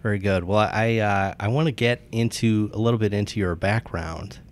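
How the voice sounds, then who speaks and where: Male interview host with a low voice, conversational, stops and restarts often. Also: normal speed. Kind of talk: interview with a sponsor read.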